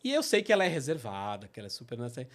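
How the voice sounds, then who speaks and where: A middle-aged man with a Brazilian Portuguese accent telling personal stories on his podcast, animated and full of fillers. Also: mid-range voice, rapid-fire. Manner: animated, acts out quotes, many fillers like "né" and "tipo assim". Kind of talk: casual storytelling.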